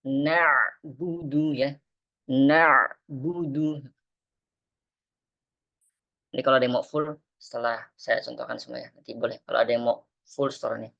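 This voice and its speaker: A man teaching Quran recitation in an online class, explaining patiently and chanting verses slowly. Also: mid-range voice, little pitch movement, vocal fry, muffled recording.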